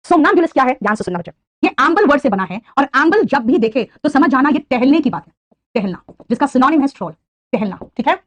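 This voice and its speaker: Fast, high-pitched Indian woman teacher, calls students beta, quizzes and praises, dry close sound. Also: sing-song, no echo. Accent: Indian English. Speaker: English vocabulary teacher. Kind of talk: online live class, Hindi mixed with English.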